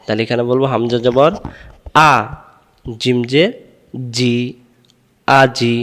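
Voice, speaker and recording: A man teaching Quran letter pronunciation, drilling each syllable slowly and asking and answering his own questions. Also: medium pitch, fairly even intonation, fairly bright tone, big-room sound. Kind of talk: slow drilled recitation lesson.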